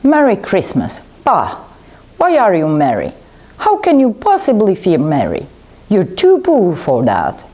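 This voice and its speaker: Cranky old miser as a woman reads him, scornful bursts, dark husky tone. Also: medium pitch, wildly swooping pitch, a little slow, voice pushed up. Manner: snapping, scornful outbursts. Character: grumpy miserly old man. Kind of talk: storybook reading aloud.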